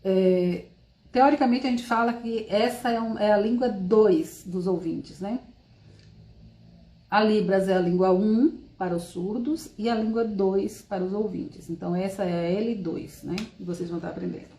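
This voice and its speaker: A woman's voice: medium pitch, moderate pace, warm tone, roomy sound. A woman from Brazil teaching a live-streamed language class, explaining patiently and checking in with tag questions.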